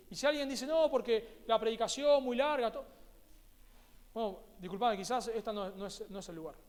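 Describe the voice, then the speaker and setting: A man with an Argentine accent preaching a sermon as pastor, emphatic and repeating his key words. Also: high-pitched. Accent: Rioplatense Spanish. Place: church hall. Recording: echoey church hall.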